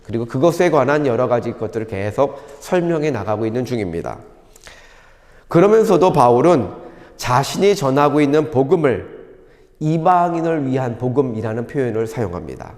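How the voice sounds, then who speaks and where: A male pastor giving a sermon in a calm, measured teaching tone, often posing rhetorical questions. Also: mid-range voice, long reverb tail. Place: church sanctuary.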